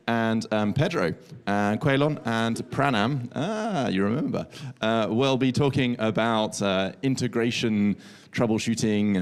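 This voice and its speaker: A man acting as session host, making informal announcements about upcoming speakers in short, hesitant phrases. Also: medium pitch.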